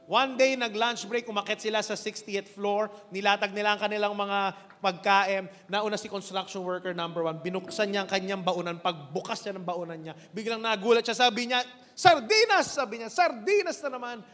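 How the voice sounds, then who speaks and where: Preacher type, high voice, playful animated storyteller, echoey hall. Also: male voice, a little fast. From Philippines. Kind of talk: storytelling sermon. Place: cinema hall.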